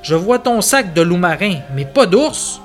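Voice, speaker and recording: A man reading the part of a calm native woodsman who soothes his sick companion in an audio story. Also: sits high, unhurried, soft background music. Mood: reassuring. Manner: steady, soothing reassurance. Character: calm male native woodsman, patient caregiver.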